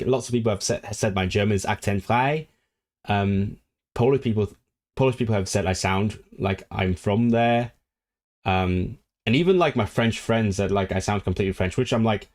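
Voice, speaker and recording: A man streaming live, his voice sitting slightly low. English is not his first language. He muses aloud in a relaxed way and picks up viewer comments as he goes. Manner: musing, answers viewer comments. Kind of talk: casual livestream chat.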